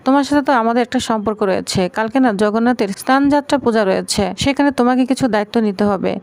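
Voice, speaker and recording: A woman's voice: a little high, quick pace, darkish tone, close to an everyday voice. A woman reading as a sneering mother-in-law. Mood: mocking. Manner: mocking, sarcastic.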